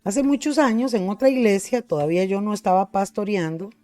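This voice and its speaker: A woman's voice: medium pitch, fairly quick, dark tone. A middle-aged woman pastor with a Costa Rican accent, preaching a sermon and telling a personal testimony with fervor, often addressing her listeners as brothers and sisters. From Costa Rica. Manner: fervent storytelling, calls listeners brothers and sisters.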